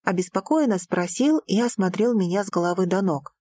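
A woman reading a first-person audiobook aloud, expressive and lifting her voice for the heroine's lines. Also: medium pitch, a little fast. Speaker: audiobook narrator.

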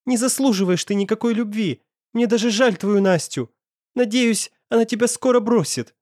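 A man voicing a hysterical, heartbroken young woman who stammers and pleads in a shrill, tearful voice. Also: normal speed, darkish tone, no room sound, clean studio sound, close to an everyday voice.

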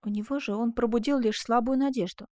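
Woman reading a classic novel aloud, fairly high voice, measured and expressive, dry close mic. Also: dry recording. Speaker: audiobook narrator. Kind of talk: scripted narration of a classic novel.

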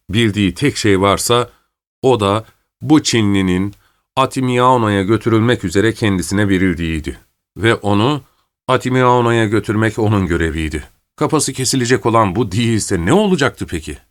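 A man calmly reading a story aloud as narrator, in a measured way. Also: lowish voice, no echo.

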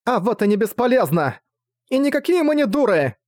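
A man's voice: high-pitched, big pitch swings, fast talker, a little mellow, no echo, voice pushed up. A man voicing a group of plucky young female fan-club girls in an audiobook, eager and chirpy. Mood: defiant. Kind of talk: audiobook character voice.

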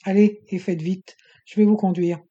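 An audiobook reader voicing a scheming, menacing male doctor who speaks calmly and coaxingly. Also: mid-range voice, dull audio, pitched above the performer's own voice, lightly acted. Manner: calm, measured, coaxing menace. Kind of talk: audiobook reading.

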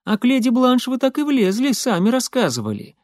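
A bold, practical young woman from an audiobook, put on by a man reading aloud. She speaks high and lively, brisk and commanding, as if nothing could stop her. The sound is close and dry. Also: no room sound, heavily acted. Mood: matter-of-fact. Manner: brisk, matter-of-fact, commanding. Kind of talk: audiobook character voice.

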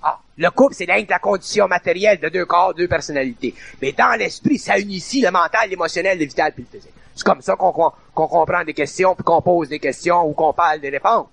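A man's voice: high voice, fast, vocal fry, hardly any pauses, fairly bright tone, no room sound. A middle-aged man with a Quebec French accent giving an informal, emphatic spoken lecture, repeating and rephrasing his points in colloquial speech.

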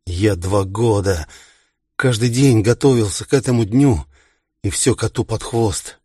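A man's voice: on the low side, a little slow, dark tone, slightly rough, dry recording, clean studio sound. Man doing a stubborn young sergeant pilot. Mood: bitter. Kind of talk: audiobook character reading.

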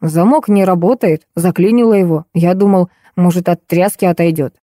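A woman's voice: lowish voice, normal speed, warm tone, dry recording, lightly acted. A woman reading the lines of a wry, laconic tall young man in an audiobook, speaking drily and ironically. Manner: dry, ironic.

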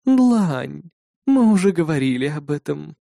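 A domineering, sly demoness from an audiobook, voiced by a man, drawling her words slowly with mocking authority. The voice sits a little higher and sounds mellow, recorded dry and close. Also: sing-song, gravelly, no room sound, full character voice. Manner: imperious, mocking, slow drawl. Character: commanding sly female demoness. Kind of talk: audiobook narration.

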